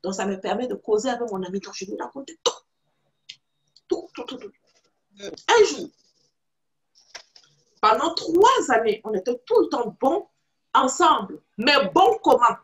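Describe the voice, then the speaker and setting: A woman preacher and teacher from Africa tells her own story as testimony in a teaching video, acting out the dialogue of the people involved with animated storytelling. She speaks on the high side at a measured pace, leaving long pauses.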